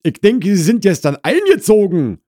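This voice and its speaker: A man voicing a fussy, indignant woman in her mid-fifties in a comic audiobook, with a high, loud, shrill voice. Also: huge pitch swings, normal speed, dry recording, studio quality, heavily acted.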